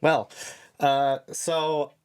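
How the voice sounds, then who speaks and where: A young man co-hosting a casual podcast, talking in a laid-back, hesitant way with many pauses and fillers. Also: fairly high pitch, level tone, darkish tone, smooth. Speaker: podcast co-host. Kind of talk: casual chat.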